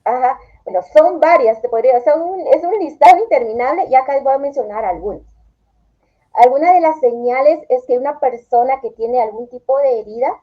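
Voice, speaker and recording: A woman appearing as a therapist guest gives calm, explanatory interview answers, acting out quoted phrases. Her voice is a little high, and the audio is dull and lo-fi.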